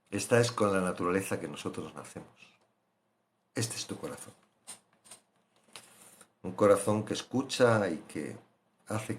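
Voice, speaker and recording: A man preaching a sermon, animated, swinging loud questions to hushed asides. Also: low voice. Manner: acts out biblical voices in quoted asides.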